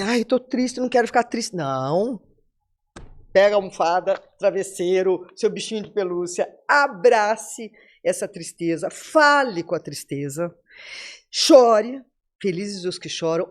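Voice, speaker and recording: A woman in her seventies with a Brazilian accent, a podcast guest giving a motivational talk and addressing listeners directly. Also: medium pitch. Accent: Brazilian Portuguese. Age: 70s.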